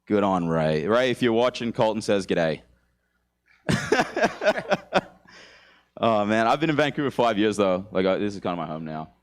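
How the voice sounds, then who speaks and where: A man's voice: fairly low pitch, very animated, measured pace, long pauses. A young man with an Australian accent, telling loose, profane stories as a guest comedian. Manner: laid-back, swearing, laughing mid-story. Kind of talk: casual stand-up chat.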